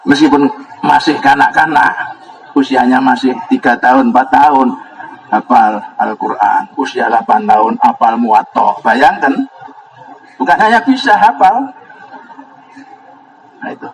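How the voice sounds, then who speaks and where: A man's voice: mid-range voice, steady tone, normal speed, poor audio. A man with a Javanese accent giving a pesantren sermon as a kyai, rambling and chuckling, breaking into Arabic recitation. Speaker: kyai giving a religious lesson. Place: gathering at an Islamic boarding school.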